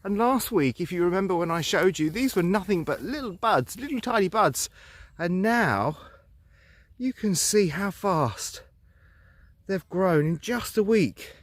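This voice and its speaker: A man with a high-pitched voice walks through open fields talking to his handheld camera, a bit out of breath. His delivery is playful and mock self-important, like a reporter filing a tongue-in-cheek update. He sounds middle-aged. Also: lively intonation, unhurried, dry recording. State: slightly out of breath from walking. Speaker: vlogger. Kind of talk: walking vlog to camera, mock news report. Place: outdoors in fields and vineyards.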